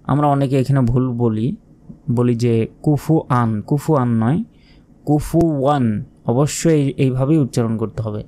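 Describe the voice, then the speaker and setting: A man with a Bangladeshi Bengali accent teaching Quran recitation, calmly and patiently repeating each word. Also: mid-range voice, normal speed. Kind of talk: religious lesson with slow recitation.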